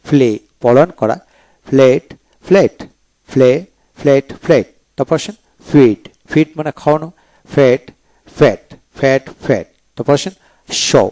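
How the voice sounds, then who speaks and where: A male teacher runs through a word list at an unhurried pace. He repeats each verb twice and then gives its meaning in an even, measured recital. His voice sits at a mid pitch for a man. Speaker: English teacher. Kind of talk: slow read-aloud vocabulary lesson.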